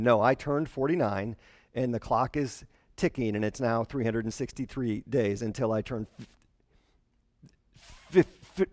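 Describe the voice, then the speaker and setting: Here a forties-aged pastor gives a sermon in a mid-range voice, picked up by a headset mic with a dry, close sound and little reverb. He's conversational and animated, slipping into character voices whenever he quotes someone.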